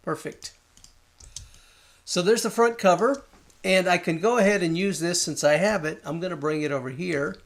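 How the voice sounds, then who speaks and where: A man with a slightly high, gravelly voice walks through a design tutorial as he works. He thinks aloud and mutters at the software when it stalls. Keyboard and mouse clicks sound behind him. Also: normal speed. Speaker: design instructor. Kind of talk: screen-recorded software tutorial.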